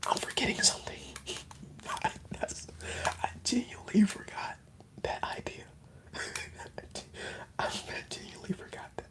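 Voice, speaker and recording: The whispering here is mostly unvoiced and a little slow, broken by long pauses. It comes from an ASMR streamer chatting on a livestream in a loose, rambling, slangy style.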